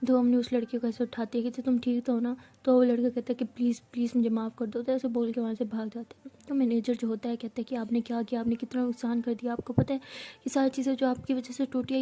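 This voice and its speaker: A woman tells a romance story in a casual, chatty way, voicing each character as she goes. Her voice is mellow and a little husky, sitting slightly high for a woman. She slips into soft whispers for the tender moments. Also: level tone, fast. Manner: retells a romance, acting out each character's lines. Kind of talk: casual spoken storytelling with acted dialogue.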